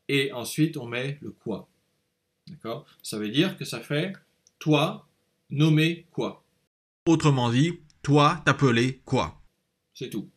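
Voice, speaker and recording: A man gives a language lesson in a slightly high voice, talking slowly and carefully. He explains each point patiently and says words over and over so the tones can be heard. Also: fairly bright tone. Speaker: language teacher.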